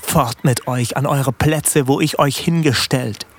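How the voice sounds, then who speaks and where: A man voicing a furious dike reeve on horseback who shouts stern orders. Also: medium pitch, measured pace.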